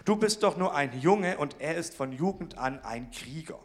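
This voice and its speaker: A man voicing a worried king who speaks slowly and insistently. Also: on the high side, animated, natural voice. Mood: doubtful. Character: worried old king, doubting and cautious.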